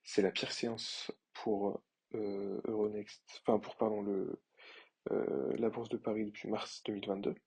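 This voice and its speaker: A young man with a low-pitched voice talks through his update casually, stumbling into pauses and fillers as he goes. His voice is raspy and husky. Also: level tone, a little mellow, poor audio. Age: young adult. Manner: hesitant, many fillers. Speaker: finance vlogger. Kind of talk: casual screen-share commentary.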